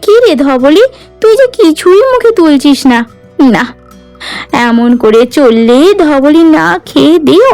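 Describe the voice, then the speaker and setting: A young village wife in a cartoon, fretful and tender, calling out in a high, strained voice, as a woman acts her out. She sounds anxious and pleading, pitched well up from the performer's own speaking voice, with faint music underneath. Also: creaky, a little mellow, full character voice. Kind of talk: cartoon voice acting.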